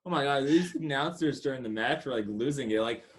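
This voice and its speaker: A man co-hosting a casual review podcast, talking excitedly and swearing freely. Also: medium pitch, fairly quick. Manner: excited, profane. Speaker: podcast co-host. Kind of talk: casual wrestling review chat.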